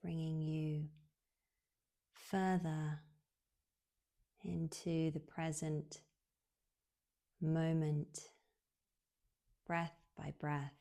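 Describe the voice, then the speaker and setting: A woman with a low-pitched voice and a steady, level tone leads a yoga nidra meditation. She keeps things soothing and unhurried, pausing at length and finishing phrases in a soft breath.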